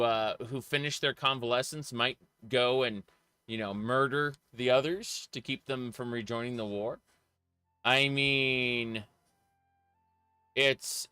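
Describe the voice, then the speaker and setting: A man's voice: medium pitch, sharp tone, clear, resonant tone, no echo. A man giving casual live gameplay commentary as a streamer, rambling and opinionated, repeating phrases for emphasis. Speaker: game streamer. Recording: dry close voice over faint music. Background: faint game music.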